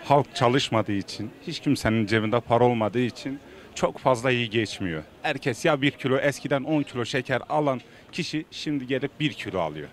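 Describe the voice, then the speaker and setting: A man's voice: medium pitch, expressive, fairly quick, slight background noise. A male shopkeeper, talking plainly and complainingly in a street interview. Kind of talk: spontaneous street interview answer. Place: outdoors on a town street.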